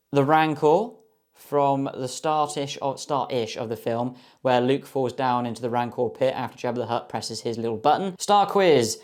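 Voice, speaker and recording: Full of ums and guesses, an excited young man gives casual commentary as he unboxes trading cards. He speaks at a medium pitch with a somewhat mellow quality.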